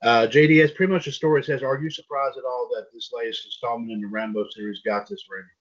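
A man's voice: mid-range voice, fairly even intonation, fast. A man hosting a casual pop culture news podcast, reading headlines aloud and stumbling over names. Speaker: podcast host. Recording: dull lo-fi sound.

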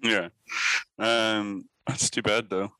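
A man's voice: on the low side, level tone, slow pace, bright, forceful tone, smooth, no echo, poor audio. A man guesting on a podcast, telling rambling stories full of fillers and laughter. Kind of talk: casual chat.

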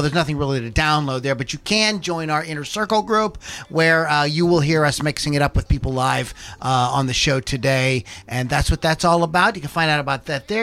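A man's voice: on the high side, sharp tone. A man hosting a podcast, ad-libbing plugs and patter in a loose, informal, rambling way. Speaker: podcast host. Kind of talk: casual ad-libbed show patter and plugs.

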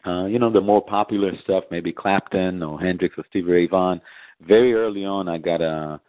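Deep-voiced man on a tinny line. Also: fairly even intonation, no echo. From Israel. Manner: soft-spoken, halting with many fillers and restarts. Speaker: guest musician. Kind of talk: casual interview answers. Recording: dry, tinny phone-like line.

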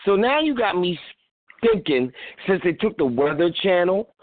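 Radio host, man, high and lively voice, dry and phone-thin, rambling talker. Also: normal speed, no echo. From Philadelphia. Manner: rambling, animated, acts out quotes. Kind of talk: casual radio talk. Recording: tinny phone-like line.

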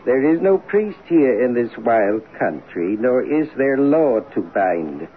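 An actor playing a stern, mysterious older father in an old radio drama, speaking slowly and solemnly. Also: medium pitch, very animated. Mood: grave. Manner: slow, solemn, grandly intoning. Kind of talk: 1940s radio acting. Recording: tinny old radio broadcast with hiss.

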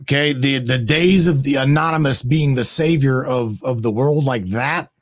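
A man's voice: medium pitch, normal speed. A man hosting a talk show, speaking bluntly and emphatically and swearing freely. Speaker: host. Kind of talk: casual chat.

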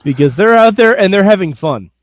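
A man's voice: high-pitched, lively intonation, fairly quick, no echo, clean studio sound. A man co-hosting a casual chat, tossing in blunt, wry quips. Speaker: podcast co-host.

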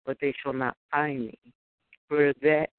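Female caller, clipped phone line, tinny with faint hiss, measured preacherly delivery. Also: low voice, level tone. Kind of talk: calling in, reciting scripture.

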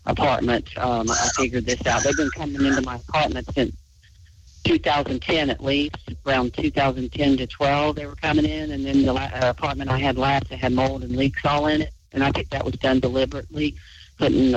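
A man's voice: medium pitch, flat delivery, brisk. Guy hosting a late night call-in, rambling, restarts a lot, dull lo-fi sound with faint hiss. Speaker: host. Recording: dull lo-fi audio.

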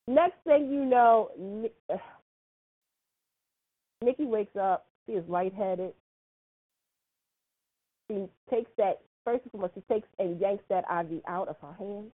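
A woman's voice: medium pitch, measured pace, pauses often. A woman hosting a podcast, chatting casually through a soap opera recap, full of "like" and "you know". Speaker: podcast host. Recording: tinny phone-like sound.

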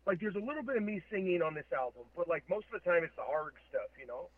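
A metal band vocalist, interviewed casually as a guest over a remote call, thinks aloud reflectively. His high voice is very animated and quick, and the call audio is thin and phone-like.

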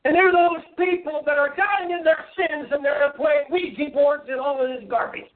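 A man preaching an impassioned sermon as a pastor, with forceful, emphatic declamation. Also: very high-pitched, fairly even intonation, normal speed. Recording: narrow, phone-like band-limited sound.

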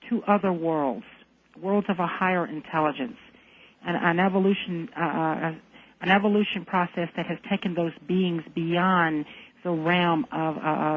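A woman calling into a radio talk show, speaking in an intense, deliberate and defiant way. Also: fairly low pitch, husky. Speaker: caller. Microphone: phone. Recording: tinny phone line.

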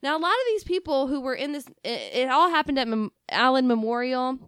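A woman's voice: high voice, expressive, fairly quick, a bit bright, clean tone, no room sound, clean studio sound. A woman co-hosting a podcast, chatting casually, laughing often and tripping over words. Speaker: podcast co-host. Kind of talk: casual chat.

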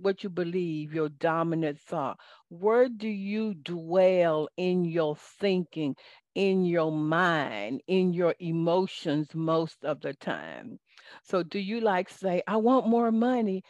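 With a lowish, darkish voice and a Southern accent, this woman hosts a live call-in coaching show as a life coach. Her delivery is folksy and preachy, and she talks slowly. The dull lo-fi recording is dry, with no room sound.

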